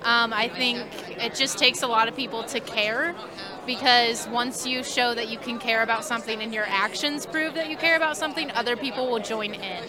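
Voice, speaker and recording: A woman's voice: fairly high pitch, steady tone, normal speed, music in the background. A young woman from Eastern Kentucky giving enthusiastic, casual answers in an interview outdoors at a convention. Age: young adult.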